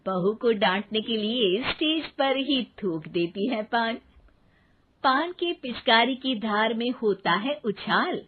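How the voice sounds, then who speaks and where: Woman reading rhyming cartoon story, slow and high, sounds like a phone line. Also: animated, breathy edge. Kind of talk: rhyming scripted cartoon narration.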